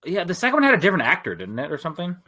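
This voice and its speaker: Rambling and animated, a podcast co-host chats casually and packs his talk with fillers. His voice is high-pitched with a breathy edge, and he races along.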